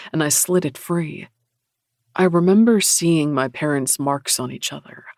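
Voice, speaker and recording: A man narrating a romance audiobook in the first person, measured and intimate. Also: a little high, vocal fry, no echo, studio quality.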